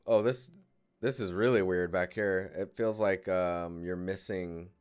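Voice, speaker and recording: A man's voice: sits low, fairly even intonation, a little slow, clean tone. A man giving casual, rambling live critiques of digital art, thinking aloud as he clicks through images. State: yawning, tired.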